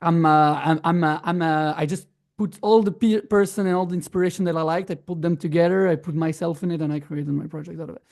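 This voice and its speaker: A young man from Belgium chats as a guest musician, his voice a little gravelly. He speaks in English, halting and restarting often with lots of fillers. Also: a little high, fairly even intonation, darkish tone. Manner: hesitant, many restarts and fillers, non-native phrasing. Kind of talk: casual interview chat.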